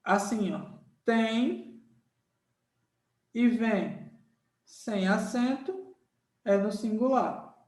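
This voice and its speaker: A man's voice: sits high, animated, drawn-out words, pauses often. A man teaching a grammar lesson, patiently repeating each point and checking in with his students. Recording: echoey room.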